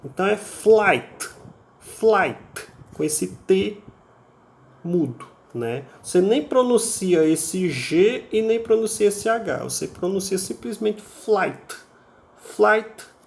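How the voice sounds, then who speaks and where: A man's voice: sits high, big pitch swings, measured pace, creaky, dark tone. A man with a Brazilian Portuguese accent teaching an English class, explaining patiently and repeating words over and over to drill pronunciation, often ending phrases with a checking tag. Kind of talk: recorded online English class.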